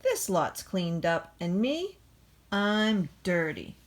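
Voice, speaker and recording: A woman reads a picture book aloud, voicing an eager backhoe loader that's proud of its dirty work. Her lowish voice is very animated, playful and emphatic, cheerful and boastful, spoken very slowly and deliberately with words spaced well apart. There's slight background noise.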